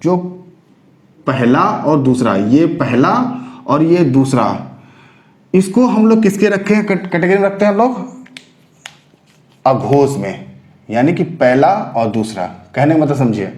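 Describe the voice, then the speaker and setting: Man, grammar teacher, exam-prep lesson, high-pitched, rhetorical questions, roomy echo. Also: very animated, measured pace, long pauses, darkish tone. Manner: explanatory, asks rhetorical questions and answers them.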